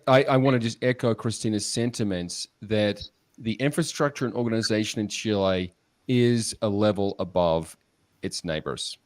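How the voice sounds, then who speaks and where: A man's voice: fairly low pitch, darkish tone, dry recording. A man hosting an interview, asking long, hesitant questions and restarting them often. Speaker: podcast host, interviewer.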